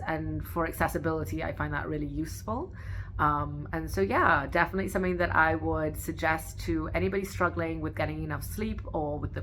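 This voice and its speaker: A woman who works as an osteopathic manual practitioner, giving a calm, gentle educational talk with a few fillers. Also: on the low side, a little hiss or hum. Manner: calm, gentle explanatory delivery with occasional fillers.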